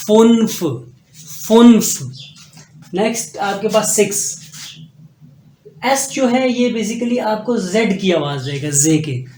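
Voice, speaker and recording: A man teaching a beginner German lesson, drilling pronunciations slowly and repeating each word with pauses. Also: high-pitched, a little mellow. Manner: slow, repetitive drilling of pronunciations with many pauses. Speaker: online German language teacher. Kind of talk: step-by-step spoken lesson. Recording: echoey room with faint ambient noise.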